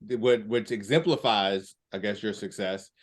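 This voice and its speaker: A man's voice: fairly low pitch, moderate pace. A man interviewer asking a long, hesitant question and answering with frequent mm-hmms. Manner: hesitant, rambling questions with back-channel mm-hmms.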